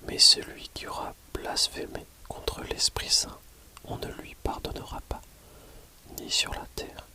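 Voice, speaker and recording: Slow, hushed library whisper, ASMR reading. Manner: measured, pausing between short phrases. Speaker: audiobook reader.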